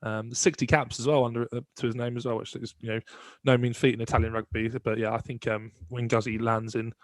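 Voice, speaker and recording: Quick-talking chatty man, dry sound. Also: mid-range voice, little pitch movement, no echo. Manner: quick, chatty, many restarts. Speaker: podcast co-host. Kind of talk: casual podcast chat.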